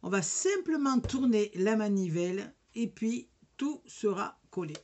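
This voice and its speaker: A woman's voice: medium pitch, expressive, measured pace, mellow. A woman with a regional French accent demonstrating a sticker machine in a casual, hesitant way, full of fillers and restarts. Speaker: crafting demonstrator.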